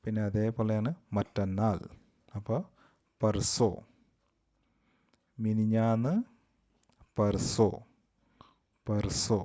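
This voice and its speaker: A man from Kerala with a Malayali accent, teaching a vocabulary lesson slowly and repeating each word twice. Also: on the low side, little pitch movement, warm tone. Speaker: language teacher.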